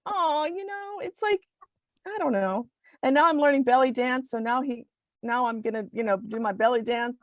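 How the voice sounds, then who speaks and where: A woman's voice: on the high side, dry recording. A woman talking casually in a group conversation, telling stories with lots of giggling. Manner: giggly, animated storytelling. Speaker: guest.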